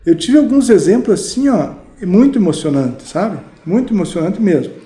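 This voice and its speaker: A Brazilian mattress salesman, appearing as a guest in a casual storytelling interview, shares lively anecdotes full of fillers in an animated manner with a Brazilian Portuguese accent. His voice is dark yet high, at normal speed, in a roomy podcast studio.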